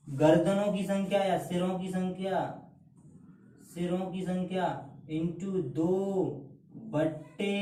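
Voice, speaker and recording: A man's voice: fairly high pitch, warm tone, reverberant, distant mic, rough recording. A man teaching a math lesson at a board, emphatic, repeating key answers and calling his students "beta". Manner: calls students beta, mocks shortcut tricks.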